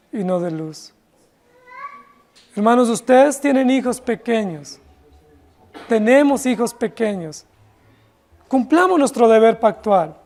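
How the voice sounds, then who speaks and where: A man, a pastor, giving an expository sermon in a church, with impassioned, drawn-out wailing cries and rhetorical questions. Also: extremely high pitch, a little mellow. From Colombia.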